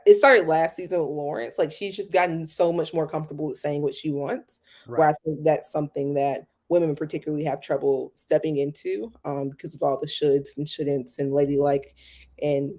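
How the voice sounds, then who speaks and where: A woman's voice: sits low, fairly even intonation, brisk, mellow. A woman co-hosting a show review podcast, chatting casually and filling her talk with "like" and "um". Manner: chatty, many fillers like "like" and "um". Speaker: podcast co-host. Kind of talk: casual chat.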